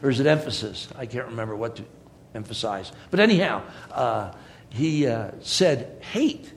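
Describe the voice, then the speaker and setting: A man's voice: medium pitch, expressive, moderate pace, slight background noise. A man preaching a sermon in a conversational way, with joking asides.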